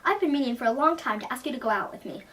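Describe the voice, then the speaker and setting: Woman voicing a soft-spoken gentle mouse. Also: high voice, expressive, very fast. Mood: tender. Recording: distant from the mic.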